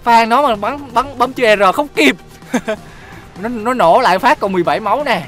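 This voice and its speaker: A man's voice: very high-pitched, moderate pace, music in the background. A man giving joking, teasing gameplay commentary while he plays, swearing casually and laughing often. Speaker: gaming channel host.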